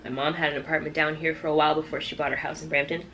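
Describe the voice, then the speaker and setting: Racing along in a low voice with little pitch movement, this Canadian YouTuber from Toronto sounds bright and forceful. She chats directly to viewers in a storytime vlog, with a little hiss or hum in the background.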